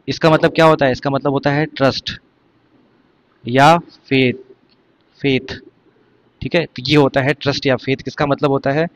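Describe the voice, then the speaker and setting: Male teacher, mid-pitched, explains terms step by step and quizzes students. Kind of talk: exam vocabulary lesson.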